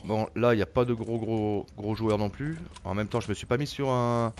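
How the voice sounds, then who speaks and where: A man's voice: on the low side, steady tone, moderate pace, a little mellow, a little hiss or hum. A man giving casual gameplay commentary as he walks viewers through an online shooter, hesitant and full of fillers and repeated words. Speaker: gameplay tutorial narrator.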